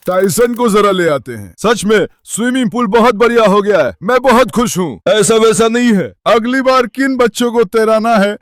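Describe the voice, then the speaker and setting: A man's voice: high-pitched, no room sound, studio quality. A young man casually talking on a vlog, coaxing and calling to his dogs. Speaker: vlogger with dogs.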